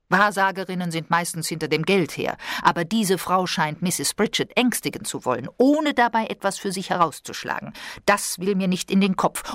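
A woman's voice: on the low side, a bit bright, no room sound, studio quality. A woman voicing a stern, sensible nurse who speaks firmly and measuredly.

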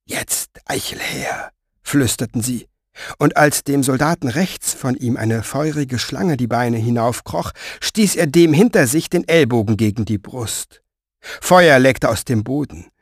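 A man narrating a fantasy audiobook in a measured, expressive storytelling manner, close to the mic. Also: mid-range voice, no echo.

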